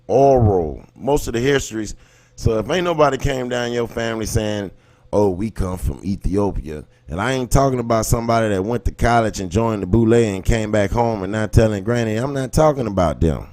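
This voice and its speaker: With a fairly low, slightly mellow voice and lively intonation, this American livestream host talks fairly quickly. His casual commentary to live viewers is impassioned and full of colloquialisms, and he keeps tossing out rhetorical questions to punctuate his points.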